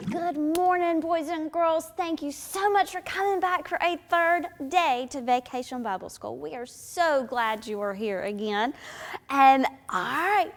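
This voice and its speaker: A woman's voice: high voice, big-room sound. A woman leading a children's Bible school craft time, upbeat and playful as she talks to the kids. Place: church room.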